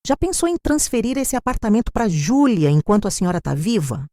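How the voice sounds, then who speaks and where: A woman with a Brazilian accent voicing a smooth, insistent nephew who coaxes an older relative. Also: mid-range voice, very animated, brisk, dark tone, no echo, studio quality, natural voice. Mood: coaxing. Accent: Brazilian Portuguese. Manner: coaxing, insistent. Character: middle-aged male nephew, smooth persuader.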